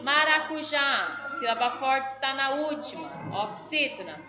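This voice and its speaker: A woman's voice: high-pitched, normal speed. A woman teacher giving a recorded school lesson, patiently explaining exercises and often checking in with her pupils. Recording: echoey room with background music.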